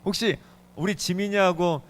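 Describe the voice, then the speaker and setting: A middle-aged male pastor preaching a sermon in a church, emphatic and urgent, pushing key words hard. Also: normal speed. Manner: emphatic, swings pitch up and down for emphasis. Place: church sanctuary.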